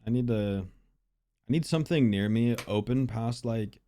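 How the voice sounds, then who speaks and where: A man co-hosting a gaming podcast, chatting casually in a relaxed, agreeable way with lots of short replies. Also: medium pitch, moderate pace, a little hiss or hum. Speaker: podcast co-host. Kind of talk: casual chat among friends.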